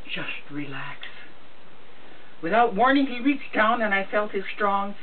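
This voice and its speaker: A sweet old lady in her seventies reading a comic story aloud to family in a deliberate storytelling manner. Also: mid-range voice. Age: 70s. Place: wood-panelled room in a home, indoors. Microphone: camera a few metres away. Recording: muffled phone-like sound, distant mic, noisy.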